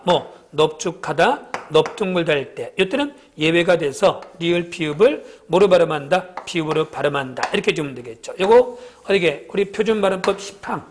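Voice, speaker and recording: High-voiced man giving an exam lecture. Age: middle-aged. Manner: asks constant rhetorical check-ins.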